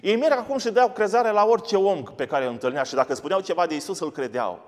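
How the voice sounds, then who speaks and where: A man's voice: high-pitched, lively intonation, darkish tone, long reverb tail. A man preaching a sermon, asking and answering his own questions as he goes. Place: church studio.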